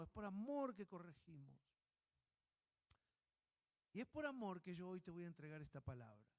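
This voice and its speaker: A male pastor with a fairly high voice delivering a sermon. He tells stories with animation, jumping into squeaky voices for the characters and often asking the listeners "right?" to keep them with him. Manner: animated storyteller, acting out a baby and parents in high voices; earnest, repeats "¿sí?" to the listeners.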